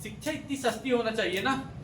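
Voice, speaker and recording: A man's voice: very high-pitched, a little fast, background noise. A man teaching a classroom, quizzing his students and repeating their answers back to them. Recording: echoey room, voice from a distance.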